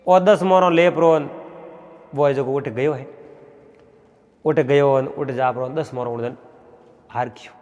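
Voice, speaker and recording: A man with a Marwari accent telling a traditional folk tale in a rhythmic, repetitive way, pausing often. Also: mid-range voice, fairly even intonation, a little mellow, long reverb tail, muffled recording. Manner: repetitive, rhythmic telling with frequent pauses and fillers. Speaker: folk storyteller.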